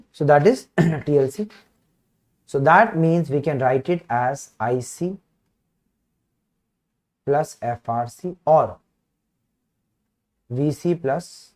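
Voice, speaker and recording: A man with a north Indian accent giving an informal live online medical lecture, repeating phrases, checking in with students and often clearing his throat. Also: medium pitch, a little mellow. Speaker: medical teacher.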